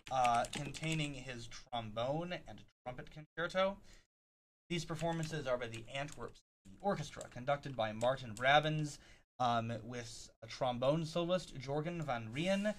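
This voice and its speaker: A man hosting a casual news rundown, halting often with fillers and restarts. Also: on the high side, a little hiss or hum, rough recording. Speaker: podcast host.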